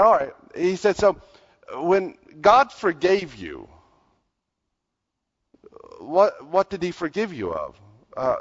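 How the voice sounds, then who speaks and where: A high-voiced man preaches a sermon in earnest, emphatic bursts. He stumbles into fillers and restarts as he works through his points. The recording is muffled and rings with a long hall reverb.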